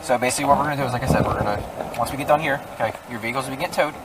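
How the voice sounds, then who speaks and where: A man's voice: medium pitch, rapid-fire. A male police officer explaining procedure in a repetitive, placating way, recorded on a body camera. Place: outdoors by vehicles, body camera. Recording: distant mic, loud outdoor traffic noise.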